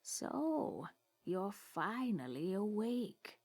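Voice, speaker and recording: A man voicing an ancient, wise old woman sage in a slow, breathy, creaky whisper. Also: sits high, sing-song, voice pushed up, exaggerated voice. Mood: hushed.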